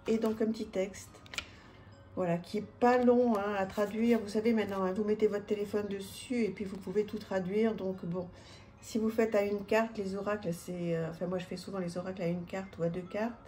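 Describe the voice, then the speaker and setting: With soft music in the background, a woman speaks fairly quickly in a steady, medium-pitched voice. She's casually presenting an oracle card deck, warm and chatty, hesitating often and using many fillers.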